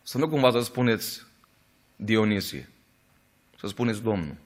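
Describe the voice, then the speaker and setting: A man preaching a sermon in an earnest storytelling way, rising at times to emphatic, louder peaks. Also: fairly low pitch, animated.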